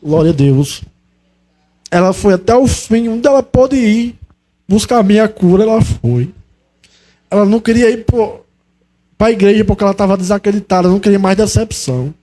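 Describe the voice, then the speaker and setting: Young man, high mellow voice, fervent and emotional testimony speaker. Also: moderate pace, long pauses. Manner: fervent, exclaims praise often. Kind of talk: religious testimony.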